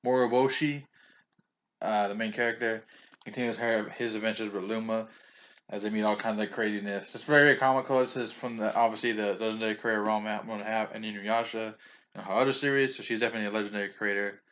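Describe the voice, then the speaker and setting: A man's voice: lowish voice, fairly even intonation, fast talker, fairly bright tone. A man talking casually in a video about books he bought, rambling, restarting often and stumbling over names, chatty and opinionated. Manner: chatty and opinionated, with frequent chuckles. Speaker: vlogger reviewing a manga haul.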